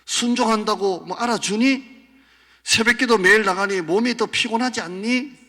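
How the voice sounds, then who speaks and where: A male pastor voicing a sly, wheedling male devil who tempts in hushed, coaxing whispers during a sermon. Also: high-pitched, normal speed, voice pushed up. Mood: needling. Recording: long church hall reverb.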